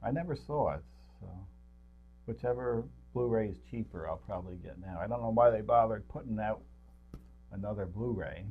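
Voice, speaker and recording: This man, heard through phone-quality audio, has a lowish voice and speaks at normal speed. As co-host of a local film review show, he rambles through an unscripted movie chat, cracking jokes and laughing at his own lines.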